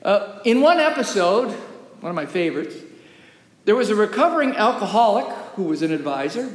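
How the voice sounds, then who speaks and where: A man preaching a sermon during worship in a historic church sanctuary, in a measured, deliberate manner with long pauses. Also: high-pitched, very animated. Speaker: pastor. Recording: echoey sanctuary, long reverb.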